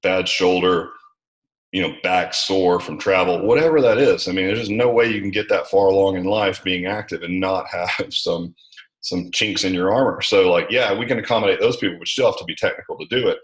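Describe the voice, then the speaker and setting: A middle-aged American man with a deep voice answers questions in an interview. He talks at length in an informal, conversational way, sprinkling in small check-in phrases. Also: a little fast, poor audio. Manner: talkative, informal, peppered with 'right' and 'you know'. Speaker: interview guest, gym franchise founder.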